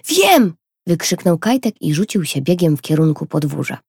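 Husky, gravelly woman reading a children's story. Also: low voice, fairly quick, no room sound, clean studio sound. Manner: expressive, lively reading. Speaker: narrator.

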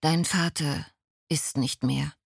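A woman's voice: sits low, steady tone, vocal fry, husky, no echo, clean studio sound, exaggerated voice. Woman doing a grave, solemn young man. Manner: solemn, measured. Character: grave young man, old family friend.

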